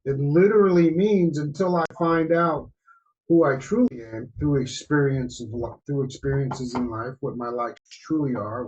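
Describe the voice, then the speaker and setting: A man's voice: mid-range voice, a little mellow. A man co-hosting a podcast and talking earnestly about growth and authenticity, often checking in with "right?". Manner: earnest, explanatory, asks "right?" for agreement. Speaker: podcast co-host. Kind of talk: reflective talk on personal growth. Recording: slightly dull lo-fi sound.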